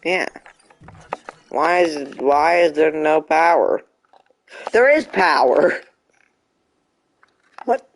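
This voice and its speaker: A man's voice: a little high, animated, extremely slow, pauses often. Young man chatting through a game stream. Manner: chatty, talks back to the game in mock frustration. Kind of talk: casual live gameplay commentary.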